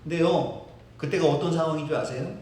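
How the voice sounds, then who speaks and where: A male pastor preaching a sermon with lively storytelling, often acting out quotes and chuckling. His voice sits high for a man. The sound is very echoey and distant, recorded in a church sanctuary. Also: brisk, a little hiss or hum. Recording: very echoey hall, distant mic.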